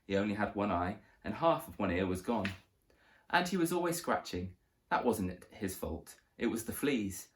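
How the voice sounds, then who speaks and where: A man reading a children's story aloud as narrator, with lively, expressive storytelling. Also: lowish voice, moderate pace, slight background noise.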